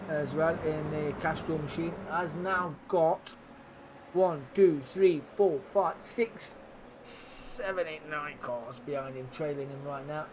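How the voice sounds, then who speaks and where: A man giving live motorsport race commentary in an informal, matey, excitable play-by-play, mixed with casual stream chat. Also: fairly high pitch, slight background noise, low-quality recording. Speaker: sim racing commentator and streamer.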